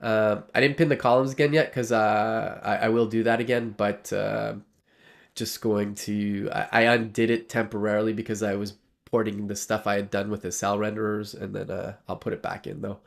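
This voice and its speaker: A man with a fairly low, gravelly voice that barely moves in pitch talks at normal speed, sounding nasal from a cold. He's livestreaming his coding work and chatting casually, rambling with plenty of fillers and restarts.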